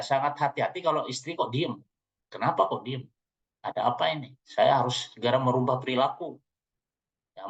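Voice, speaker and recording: A man's voice: fairly high pitch, a bit bright. A man giving a playful seminar talk, teasing the audience and speaking to them directly, recorded on a dull lo-fi track. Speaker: seminar trainer. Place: seminar room.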